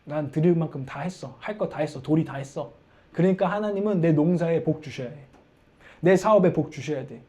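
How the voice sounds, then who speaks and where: A resentful farmer grumbles that his due has not come, voiced by a male preacher in a sermon. The voice is high yet warm. He is bitter and full of complaint. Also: brisk, close to an everyday voice. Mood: smug. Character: Cain, resentful older brother and farmer.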